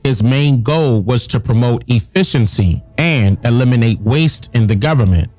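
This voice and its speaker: A man giving measured, scripted documentary-style narration. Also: mid-range voice, lively intonation, darkish tone, dry recording.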